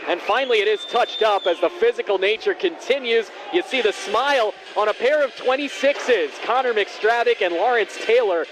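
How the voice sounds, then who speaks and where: A man doing live ice hockey play-by-play commentary, raising his voice into excited shouts on scoring chances. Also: high voice, moderate pace, hardly any pauses. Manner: excited raised goal calls, shouting on chances. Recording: noisy rink, faint background noise.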